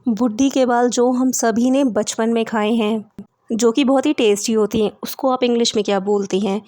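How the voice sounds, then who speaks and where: Woman, English teacher, Hindi lesson, slow clear explaining, slightly high voice, dry sound. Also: fairly even intonation, mellow, dry recording. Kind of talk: vocabulary lesson for Hindi speakers.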